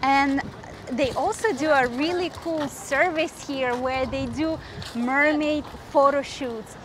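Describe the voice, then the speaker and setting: A woman's voice: high voice, slow. A woman vlogger narrating a casual walking tour outdoors at a resort lagoon, chatty and upbeat as she points things out. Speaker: travel vlogger, tour guide. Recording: outdoor noise, open air.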